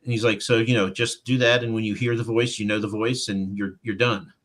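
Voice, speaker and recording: A man's voice: on the low side, flat delivery, a little fast, a bit bright. A man, an author being interviewed, telling anecdotes casually and acting out quoted dialogue. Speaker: author, guest.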